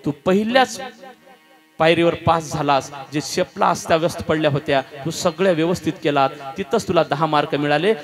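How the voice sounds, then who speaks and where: A man preaching a devotional sermon at a live religious gathering, telling a story with impassioned drama. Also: a little high. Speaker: kirtan preacher.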